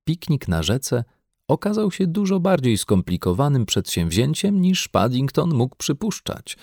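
A man narrating a children's audiobook in an expressive, animated storytelling manner. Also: mid-range voice, a little slow, dry recording, studio quality. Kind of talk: scripted narration.

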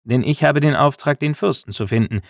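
A man's voice: fairly high pitch, a little fast, creaky, no room sound, studio quality, pitched above the performer's own voice. Guy doing a gloating one-eyed traitor, smug, menacing, audiobook.

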